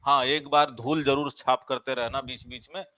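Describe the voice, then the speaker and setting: A man's voice: medium pitch, steady tone, normal speed, sharp tone. A man teaching a grammar class, explaining step by step, repeating key words and asking the class questions. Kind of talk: live online grammar class.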